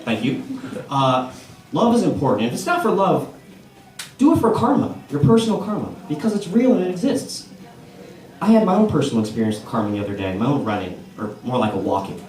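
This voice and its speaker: Brisk and expressive, an American man speaks in a medium-pitched, slightly mellow voice. He's doing a stand-up open mic set on a comedy club stage, telling laid-back stories and playing to the live audience. The sound is roomy and distant, full of crowd laughter.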